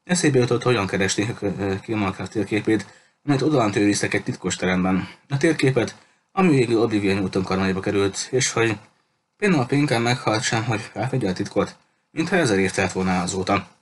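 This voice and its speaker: A man narrating an audiobook chapter with a low voice. His storytelling is steady and even, with a faint noise underneath.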